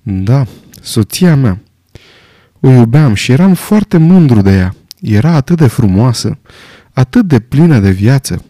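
A man reading the part of an old army general, speaking quietly, gravely and reflectively. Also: mid-range voice, sing-song, no echo, clean studio sound. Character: old male army general, calm, weary, haunted.

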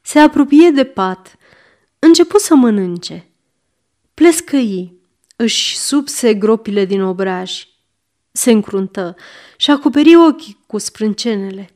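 A woman's voice: a little high, animated, darkish tone. Woman reading a story dramatically. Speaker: narrator.

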